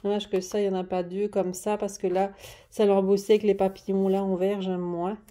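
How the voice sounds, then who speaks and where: A woman's voice: medium pitch, little pitch movement, fairly quick, warm tone. A woman showing craft paper pads in a casual home vlog, chatty and hesitant, with many fillers and restarts. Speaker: craft haul vlogger. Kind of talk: casual show-and-tell vlog. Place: at home at a desk. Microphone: camera on the desk, moved closer and back.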